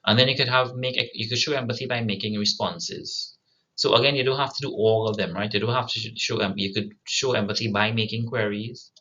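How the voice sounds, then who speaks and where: A man gives a recorded lecture to students, frequently checking in with "right?" and restarting sentences. His voice is lowish, bright and forceful, with the highs cut off.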